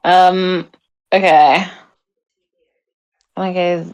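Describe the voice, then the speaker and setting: Slow-talking woman at a game table. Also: lowish voice, fairly even intonation, darkish tone, clear, resonant tone, dull audio. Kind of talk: casual game-table chat.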